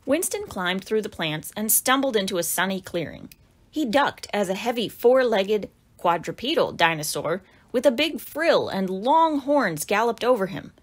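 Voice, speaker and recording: A woman narrates her own picture book for young children, full of expression and dramatic exclamations. She speaks at normal speed with a medium pitch.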